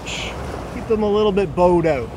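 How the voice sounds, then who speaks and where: Animated and high-pitched, a man coaching a workout counts out the moves aerobics-style, giving short, brisk commands and encouragement. He's recorded outdoors on an open beach by the water, where surf and wind make the audio noisy.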